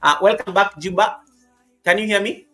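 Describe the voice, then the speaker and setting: A man with a fairly high, very bright voice hosts a casual livestream. He greets and thanks viewers by name in an easygoing way and often repeats his phrases. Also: moderate pace, faint music behind. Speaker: livestream host.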